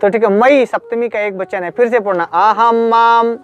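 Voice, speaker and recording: Male Sanskrit teacher, high-pitched, sing-song drilling of word forms, online lesson. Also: brisk, dull audio. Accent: Hindi. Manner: chants word forms in a sing-song rhythm for students to repeat. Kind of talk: online grammar lesson, call and response drilling.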